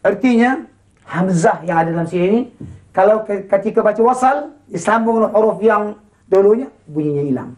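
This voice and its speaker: A Quran recitation teacher with a Malaysian Malay accent, chanting slow model verses and then quickly explaining and quizzing pupils. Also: mid-range voice, animated, darkish tone. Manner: quizzing pupils with short questions. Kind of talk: classroom lesson with call-and-response.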